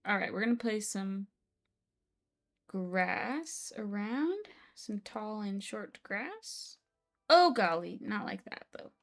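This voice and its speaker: Streaming a building game live, a young woman chats casually with her viewers in a bubbly, exclamatory way. Her medium-pitched voice is expressive and unhurried.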